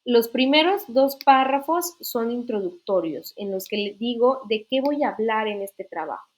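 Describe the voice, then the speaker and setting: A woman's voice: a little high, animated, moderate pace. A woman teacher explaining writing rules in an online literature class, patient, often checking that students follow. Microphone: computer mic in an online class.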